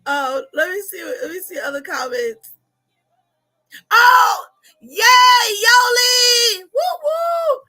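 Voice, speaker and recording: A woman, hosting a casual livestream as a life coach, chatty and animated with frequent laughter. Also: very high-pitched, slow, shouting. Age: 40s. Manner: animated, laughing, chatty, reads comments aloud.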